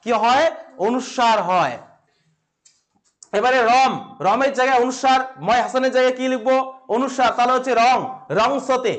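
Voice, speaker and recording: In a grammar lesson for his classroom, a man with a West Bengal accent quizzes the students and supplies the answers himself. Key words get slow emphasis and repetition. His voice sits at an extremely high pitch, with fairly even intonation.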